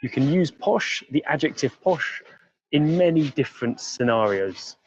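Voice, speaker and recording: A man with an English accent, leading a live-streamed walking tour outdoors on busy city streets. He speaks in a friendly way, explains words slowly and reads out viewer comments. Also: a little high, lively intonation, breathy edge, muffled recording. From England.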